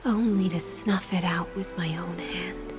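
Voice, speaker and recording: An actress voices a world-weary woman telling a video game tale, her natural voice lowish and fairly even in intonation. She is slow, measured and theatrical, grand yet melancholic, letting phrase endings soften over clear background music. The tone is solemn and cold.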